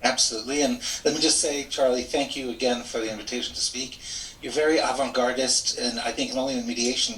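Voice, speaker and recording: A man's voice: medium pitch, fairly bright tone, slight background noise. A middle-aged man from Switzerland, a lawyer and mediator, telling his story candidly and articulately in an interview over a video call. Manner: articulate, candid, self-deprecating. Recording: echoey room, distant from mic.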